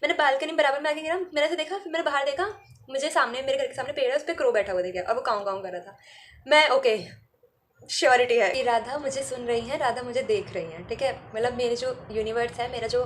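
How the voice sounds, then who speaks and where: A woman shares a personal story in a relaxed vlog, talking frankly and chattily. Her voice sits a little high, and she keeps dropping in a quick "okay" between thoughts. A faint background hum runs under her voice. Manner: laughs easily while talking. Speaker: spiritual content creator.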